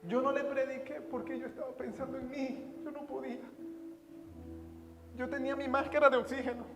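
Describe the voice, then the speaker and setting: A man with a high voice delivers a heartfelt sermon, dropping to near-whispers and then bursting out loudly. He is recorded in a church hall with a long reverb tail, and music plays steadily behind him. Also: level tone, normal speed, lo-fi sound. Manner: emotional storytelling with sudden loud outbursts and soft drops. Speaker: pastor.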